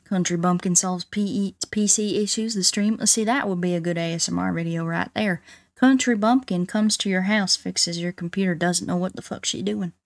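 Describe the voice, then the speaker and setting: A livestream host chats casually with viewers while playing a video game, putting on a folksy, exclamatory Southern US country-bumpkin drawl. Her voice is lowish and steady at a moderate pace, picked up by a close streaming microphone.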